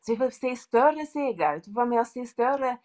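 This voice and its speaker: A woman's voice: fairly high pitch, animated, darkish tone. Brief: middle-aged woman, fervent devotional speaker, earnest and repetitive. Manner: earnest, repetitive, builds in lists.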